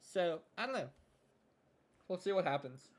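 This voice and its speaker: A man's voice: high voice, animated, unhurried. A young man streaming live, chatting casually and thinking aloud as he works on a game, often trailing off into mumbles.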